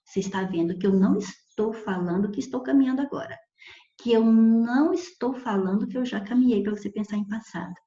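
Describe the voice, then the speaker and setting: A woman teacher explaining grammar step by step, often checking understanding with quick tag questions and stressing key words slowly. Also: on the high side, reverberant, muffled recording. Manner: lively, expressive emphasis with sudden slow stressed words. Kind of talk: grammar lesson.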